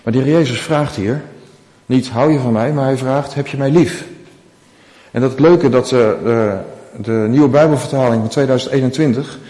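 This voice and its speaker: Male preacher, mid-pitched mellow voice, earnest sermon delivery, echoey church hall. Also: moderate pace. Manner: earnest, acts out quoted dialogue with rising emphasis.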